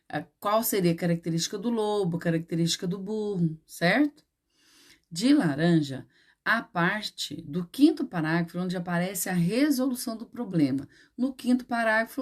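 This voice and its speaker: A woman's voice: medium pitch, a little mellow. A woman with a Brazilian Portuguese accent, a primary school teacher patiently explaining a lesson to children step by step.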